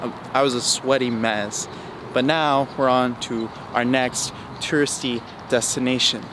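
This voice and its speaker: A young man in his twenties chats into a handheld camera held at arm's length as he walks outdoors. His talk is casual and full of slang. Steady outdoor noise runs clearly behind his voice. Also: medium pitch, a little slow. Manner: laid-back, chatty, slangy. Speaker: travel vlogger. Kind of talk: casual travel vlog. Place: outdoors on a hiking trail and beach. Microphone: handheld action camera at arm's length.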